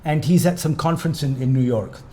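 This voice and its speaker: A man co-hosting a casual chat, reading out comments with quick, wry interjections. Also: fairly high pitch, a little mellow, slight background noise. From Pakistan. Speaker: co-host.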